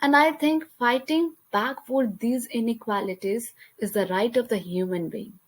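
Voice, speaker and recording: Presenting a class talk over slides via a computer mic, a young student with an Indian accent speaks English as a second language, Hindi being her first. Her voice is a little high, and she reads with care, occasionally restarting on a word.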